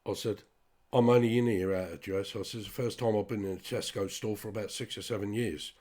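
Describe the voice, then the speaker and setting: A man's voice: lowish voice, fairly even intonation, brisk, darkish tone. A British man talking straight to his listeners in a blunt, sweary, rambling monologue. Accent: British English. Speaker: vlogger. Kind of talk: casual ranting monologue.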